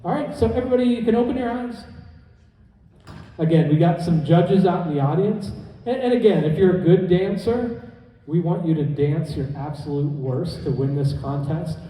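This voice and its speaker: Male stage hypnotist emcee, soft-edged tone, instructing and repeating himself, heard distantly in a reverberant hall. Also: high voice, normal speed. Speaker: comedy hypnotist and show host. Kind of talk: live stage show emceeing to an audience. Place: indoor conference hall stage. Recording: echoey hall PA, heard from far off.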